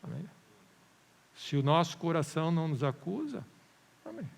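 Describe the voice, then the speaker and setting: Pastor, male, slightly high and gravelly, animated sermon delivery, long church-hall reverb. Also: moderate pace. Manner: animated preaching, rhetorical questions, mimics doubters. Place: church service.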